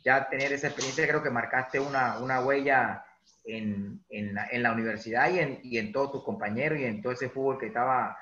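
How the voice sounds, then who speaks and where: A man hosts an interview, leading into each question with long, filler-laden lead-ins. His tone is bright and forceful, heard in an echoey room on a dull, lo-fi recording. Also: mid-range voice, steady tone, a little fast. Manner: rambling, filler-heavy questions. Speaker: host, interviewer. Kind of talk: conversational interview hosting.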